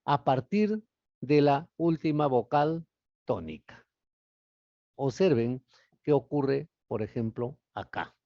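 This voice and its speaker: A male literature teacher giving a classroom lecture, explaining step by step and putting rhetorical questions to his class, his voice often trailing off softly at the ends of phrases. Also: mid-range voice, lively intonation, slow, long pauses, dry recording, lo-fi sound.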